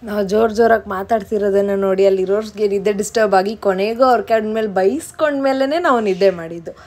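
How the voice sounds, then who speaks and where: A woman with a mid-range, darkish voice talks fast as she vlogs her walking pilgrimage outdoors at a crowded camp, crowd chatter all around. She's chatty and teasing, narrating casually and switching between Kannada and English.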